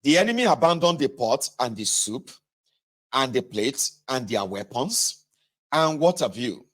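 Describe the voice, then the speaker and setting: A man with a Nigerian accent reads a book aloud, breaking off for casual asides to his listeners and sometimes correcting himself. His mid-range voice swings widely in pitch, and his pace is a little slow.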